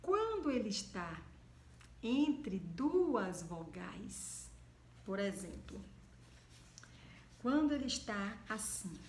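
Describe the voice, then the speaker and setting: A woman teaching young children in a video lesson from home, with a Brazilian accent, drawing out words slowly. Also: medium pitch, sing-song, darkish tone, echoey room, a little hiss or hum. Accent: Brazilian Portuguese. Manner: slow, drawn-out words for the children. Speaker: primary school teacher.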